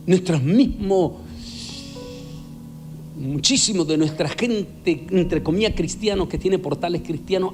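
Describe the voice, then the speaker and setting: Male evangelist, fiery sermon delivery, repeats key words, slightly raised pitch. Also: darkish tone. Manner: emphatic, repeats words for stress. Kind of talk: preaching sermon.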